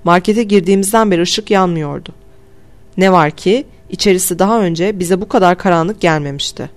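Guy reading a story out loud, calm and steady, first person. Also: sits high, brisk. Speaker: audiobook reader. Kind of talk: first-person audiobook narration.

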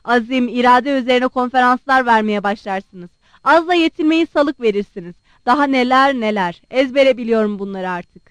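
A woman's voice: on the high side, normal speed, clear, resonant tone, no room sound, natural voice. A woman reading the part of an irritable young man, scornful and agitated in his outbursts, in an audiobook. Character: irritable young man, bitter older brother.

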